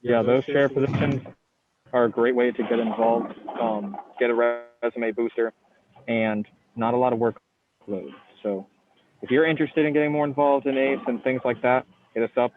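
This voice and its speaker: A man's voice: medium pitch, steady tone, moderate pace. A man from a student club, chiming in casually on a video call to encourage people to get involved. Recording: tinny, phone-like call audio.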